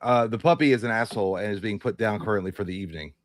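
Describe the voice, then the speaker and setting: A man's voice: fairly low pitch, rapid-fire, no echo. A man co-hosting a live stream, rambling through stories with heavy swearing. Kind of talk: casual crude banter.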